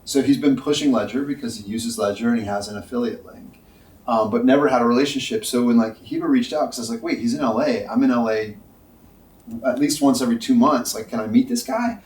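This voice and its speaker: A man, a company executive, eagerly introducing a guest in casual chat, talking fast and repeating words as he goes. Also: mid-range voice, darkish tone. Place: Ledger's Paris headquarters. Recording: roomy, distant.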